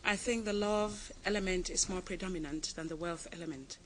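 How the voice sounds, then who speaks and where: Poor audio with a little hiss or hum carries the lowish voice of a Cameroonian woman in her forties. As a TV interview guest, she gives measured, reflective answers and laughs easily.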